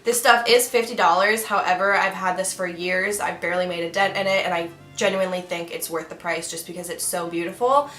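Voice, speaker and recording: A woman's voice: on the low side, fairly even intonation, fairly quick, hardly any pauses, fairly bright tone, echoey room, soft background music. A young woman talking through a makeup tutorial in a chatty, giggly way with self-mocking asides. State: hiccups. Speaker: beauty vlogger.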